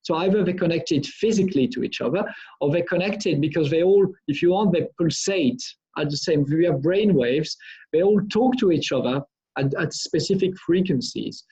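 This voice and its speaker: Fielding pupils' questions in a live online Q&A, this middle-aged French brain engineer explains at a moderate pace, often repeating phrases or starting over. His husky voice is fairly high with a dark tone, captured through a dull, lo-fi video call.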